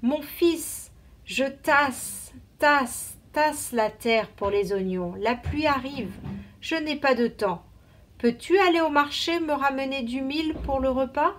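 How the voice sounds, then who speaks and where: A kindly village mother in a children's picture book, chanting her chores in a soft, rhythmic way. A woman reader voices her slightly high and unhurried. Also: a little hiss or hum. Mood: gentle. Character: busy, gentle village mother.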